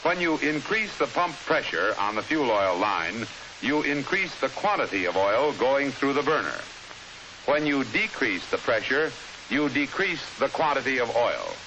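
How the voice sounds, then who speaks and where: On an old film soundtrack with constant hiss, a mid-range American male voice reads instructional narration from the 1950s. His delivery is formal, measured, and explanatory.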